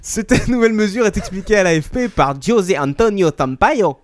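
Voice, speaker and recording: Playful lively man hosting. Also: sits high, normal speed, dry recording. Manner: laughing, playful, reads news items. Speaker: podcast host. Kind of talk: casual podcast chat.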